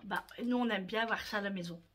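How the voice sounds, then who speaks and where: A woman's voice: medium pitch, quick pace, fairly bright tone, a little hiss or hum. A woman casually showing her shopping haul to her viewers, chatting to them directly and often tagging "hein" onto her sentences. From France. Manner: chatty, talks straight to viewers, fond of "hein".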